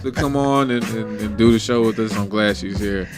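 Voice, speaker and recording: Chill radio host guy, talks easy and hypes it up, music playing loud under him. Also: fairly low pitch, normal speed. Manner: laid-back, hyped radio banter. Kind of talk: casual radio talk show.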